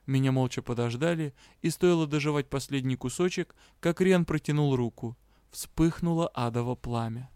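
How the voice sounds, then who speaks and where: A man narrating a fantasy audiobook with an even, clear reading. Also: medium pitch, moderate pace, no echo, studio quality.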